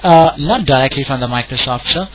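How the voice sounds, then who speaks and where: A man's voice: medium pitch, a little fast, crowd noise. A man with an Indian accent working as a call center tech support agent, talking in a polite, wordy, repetitive way over the phone. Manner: polite, wordy, repetitive, often saying sir and all right. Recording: tinny phone line with clear noise.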